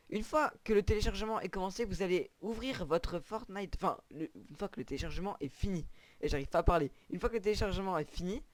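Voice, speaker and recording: A man's voice: high-pitched, no echo. A young man walking viewers through a computer setup in a casual, hesitant tutorial style, with frequent fillers. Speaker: tutorial creator. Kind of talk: screen-recorded gaming tutorial.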